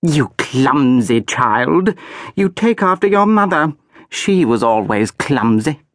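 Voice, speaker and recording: A man's voice: mid-range voice, very animated, slow pace, no echo, studio quality, voice pushed up. A man voicing a haughty, cold aristocratic aunt who speaks disdainfully and snaps at a child. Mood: snappish. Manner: snappish, disdainful.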